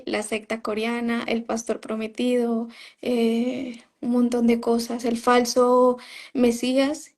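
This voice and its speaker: A woman whose voice sits on the high side and sounds a little mellow recounts her story in an interview. Having left a religious group, she speaks conversationally, often quoting her words from back then and frequently saying "¿sabes?" and "o sea".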